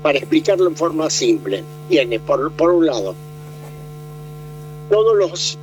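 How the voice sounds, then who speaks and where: A man's voice: a little high, sing-song, unhurried, a little mellow, a little hiss or hum, rough recording. A man, explaining politics conversationally, with many hesitations and restarts. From Argentina. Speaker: political commentator.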